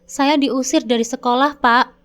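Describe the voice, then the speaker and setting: A woman voicing a poor teenage village girl who speaks quietly with a trembling voice. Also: high voice, steady tone, unhurried. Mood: anxious.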